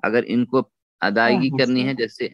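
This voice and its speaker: Man slowly drilling recitation, dry sound. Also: mid-range voice, fairly even intonation, fairly bright tone, highs cut off. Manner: repeats letters and words slowly for students to echo. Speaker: Quran recitation teacher. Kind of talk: tajweed lesson with call-and-repeat drills.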